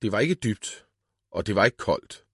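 A man's voice: fairly low pitch, lively intonation, creaky, breathy edge, no room sound, studio quality. Man reading a children's story. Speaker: audiobook narrator. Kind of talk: scripted narration of a children's book.

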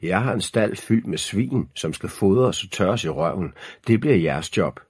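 A man voicing a gruff, teasing middle-aged pig farmer and hunter, in an audiobook reading. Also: deep voice, expressive, a little mellow, no room sound, studio quality. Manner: brusque, teasing.

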